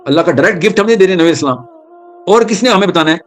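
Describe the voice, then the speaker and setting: A man giving a religious talk, telling stories with energy and mixing English terms into his speech. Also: sits high. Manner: animated storytelling, mixing English terms into Urdu. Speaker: Islamic speaker.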